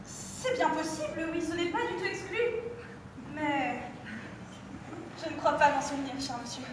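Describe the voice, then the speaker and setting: A teenage girl plays a prim English lady, exclaiming in exaggerated astonishment. The voice sits high. It comes from a distance in a strongly echoing hall, with clear noise behind it. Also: expressive, normal speed. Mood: astonished. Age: teens. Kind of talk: amateur stage acting. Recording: echoey hall, from far off, noisy.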